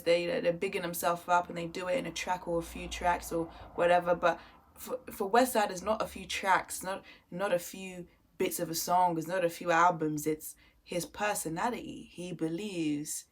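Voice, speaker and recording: A woman giving casual album reaction commentary, chatty and enthusiastic, thinking aloud as she talks. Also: fairly low pitch. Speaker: music reviewer.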